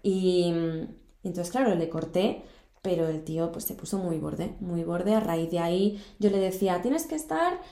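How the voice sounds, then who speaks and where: A woman's voice: lowish voice, fairly even intonation, normal speed, warm tone. Young woman, echoey room. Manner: earnest, emphatic, repeats words for stress. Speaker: guest recounting backpacking travels. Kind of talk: casual storytelling chat. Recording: roomy echo.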